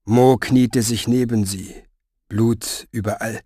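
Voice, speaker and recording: A man narrates a story with measured, dramatic delivery. His voice sits at a middle pitch. The recording is close-miked and very dry. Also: steady tone, mellow, no echo. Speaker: audiobook narrator. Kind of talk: scripted audiobook narration.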